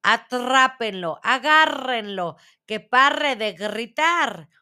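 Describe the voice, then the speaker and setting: A woman storyteller voicing a cruel, commanding grand witch who barks shrill orders in a storybook reading. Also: animated, extremely slow, sharp tone, smooth, exaggerated voice. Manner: shrill, barking orders at her followers.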